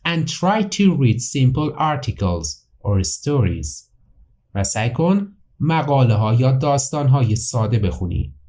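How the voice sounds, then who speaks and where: Man, bilingual English lesson, slow careful English, quick translations, lively intonation. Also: mid-range voice. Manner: reads English slowly and clearly, then translates quickly into Persian. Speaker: English teacher.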